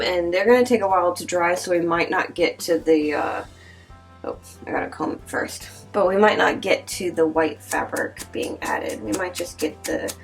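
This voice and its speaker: A woman casually chatting and thinking aloud while she works on art in a vlog, sometimes dropping to a soft whisper, a little sniffly. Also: on the low side, recorded from a distance, poor audio. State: sniffly from allergies. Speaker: artist vlogger. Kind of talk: casual crafting vlog chat. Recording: voice a little off-mic, faint music behind.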